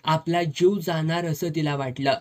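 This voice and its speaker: An audiobook narrator reading a serialized novel in a steady, measured storytelling voice. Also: medium pitch.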